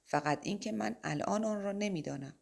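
A woman's voice: mid-range voice, creaky, darkish tone, voice pushed up. A woman voicing an anxious young man, a reluctant warrior of light, in an audiobook, with an urgent, raised, pleading delivery. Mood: reasoning. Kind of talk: audiobook character voice.

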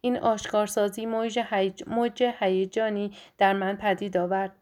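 A woman narrating a first-person story in a measured, steady audiobook reading. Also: medium pitch.

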